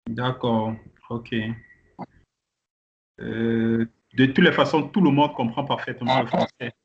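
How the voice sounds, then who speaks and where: This man speaks slowly, at medium pitch and with fairly even intonation, as he leads the kickoff of an online training. His presentation to participants on the video call is full of hesitations and false starts. Muffled call audio carries faint noise.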